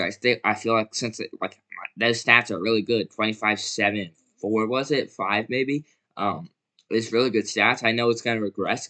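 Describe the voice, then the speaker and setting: In his lowish, pushed and bright voice, a young man rambles about basketball as a solo commentator. His casual opinions come with frequent fillers and self-corrections.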